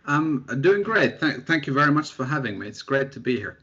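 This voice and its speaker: A man's voice: on the high side, a little fast, husky. Young guy, researcher, chatting easy and poking fun at himself, kinda dull muffled sound. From Finland. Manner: relaxed, self-deprecating storytelling. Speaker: guest scientist, postdoctoral researcher. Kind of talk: casual interview chat. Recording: dull lo-fi audio.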